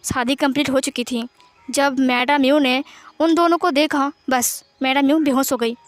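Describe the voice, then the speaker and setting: A woman's voice: high-pitched, measured pace, no echo, faint music behind. A woman casually retelling a fan fiction story, narrating steadily and voicing the dialogue herself. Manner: plain, steady narration that also voices the dialogue lines.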